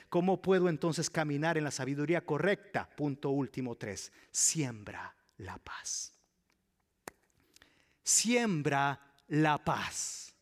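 A man preaching a sermon as pastor, acting out little dialogues, swinging from loud to a whisper. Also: on the high side. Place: church with a live audience. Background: soft piano.

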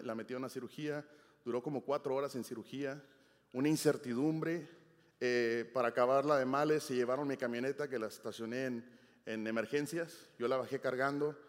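A man preaching a sermon, telling a personal story earnestly, rising with emphasis and dropping to quiet reflection. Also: medium pitch. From Texas, United States. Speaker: pastor. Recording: church hall with long reverb.

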